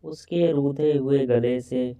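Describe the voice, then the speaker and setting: A man narrating a moral story at an unhurried pace, his voice mellow and dark. He sounds slightly distant from the microphone, and the delivery stays measured and even. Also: medium pitch, dull audio.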